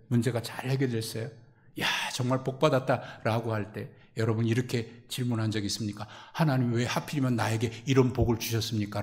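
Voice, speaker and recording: A man preaching a sermon as a pastor, addressing the congregation and acting out quoted voices, swinging from loud pleading questions to hushed near-whispers. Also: mid-range voice.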